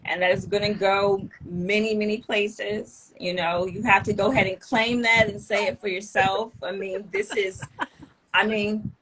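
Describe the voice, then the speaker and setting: A woman's voice: medium pitch, steady tone, unhurried, crowd noise, rough recording. Chatty upbeat woman with frequent ums. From DC area. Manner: upbeat, chatty, many fillers and restarts. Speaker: guest, cannabis content creator. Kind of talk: casual video interview.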